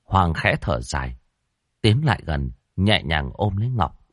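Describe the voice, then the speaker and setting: A man narrating a horror story in an expressive, dramatic way, voicing the characters. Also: deep voice, measured pace, dry recording, studio quality.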